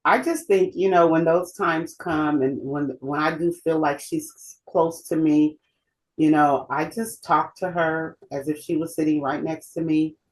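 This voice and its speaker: A woman's voice: low voice, fairly even intonation, a little slow, rough recording. A middle-aged woman co-hosting a heartfelt conversation, reflective and emphatic, often repeating herself. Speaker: co-host.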